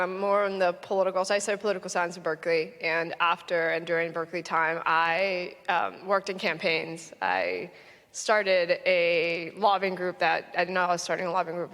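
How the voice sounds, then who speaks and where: A woman's voice: lowish voice, fairly bright tone. A young adult woman from Florida, a venture investor speaking earnestly on a conference panel with frequent "um"s and restarts. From United States (Orlando, Florida). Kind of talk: conversational panel talk. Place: conference stage in a large hall. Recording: long hall reverb.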